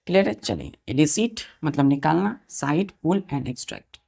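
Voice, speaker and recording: A woman teacher with a slightly low-pitched voice drills English vocabulary for exam students. She spells each word letter by letter, repeats its meaning several times and keeps asking the children whether it is clear. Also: sing-song, moderate pace, dark tone. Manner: asks the children questions and checks they follow.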